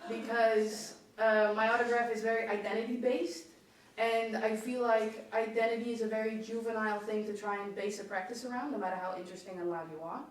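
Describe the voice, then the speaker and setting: A woman's voice: fairly high pitch, fairly even intonation, fairly quick, a little hiss or hum. A young woman, an art student, answering questions at an exam in a loose, rambling, self-deprecating way. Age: young adult. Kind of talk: casual exam Q&A. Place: echoey school exam room. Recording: echoey room, mic from far off.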